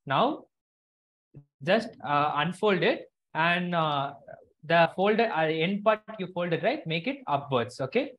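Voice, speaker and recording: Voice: medium pitch, lively intonation, takes it slowly, a bit bright. A teacher explaining a craft to children step by step in an online class, repeating instructions and checking they follow. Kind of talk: live instructional lesson. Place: online video call. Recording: dull lo-fi video call audio.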